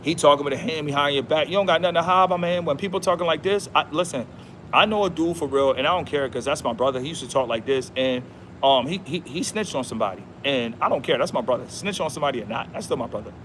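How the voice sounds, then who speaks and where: A man livestreaming outdoors with a slightly high-pitched voice. He talks in a slangy, emphatic, repetitive way and keeps calling the viewer "bro." Faint traffic noise hums behind him. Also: fast talker, a bit bright. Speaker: livestream host. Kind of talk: casual livestream monologue.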